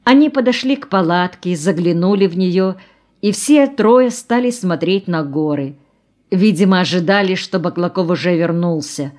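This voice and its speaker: A woman narrating an audiobook novel in a calm, even storytelling manner. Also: lowish voice, moderate pace.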